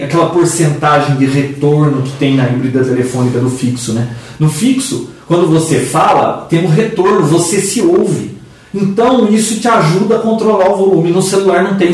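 A man chatting casually about technology, explaining things at length with a lively, rising delivery. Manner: explanatory, lively pitch swings. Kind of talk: casual tech chat. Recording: echoey room, voice from a distance.

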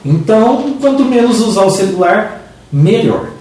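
A man's voice: normal speed, distant mic. Male co-host, explainer type, talks from across an echoey room. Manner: explanatory, lively pitch swings. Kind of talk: casual tech chat.

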